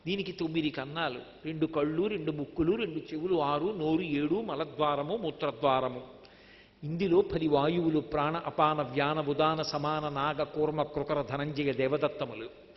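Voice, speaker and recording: A preacher takes the part of a calm, saintly poet-husband who patiently teaches his wife. The voice sits high. It echoes through a long hall and sounds dull and lo-fi. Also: normal speed, lightly acted. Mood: calm, instructive.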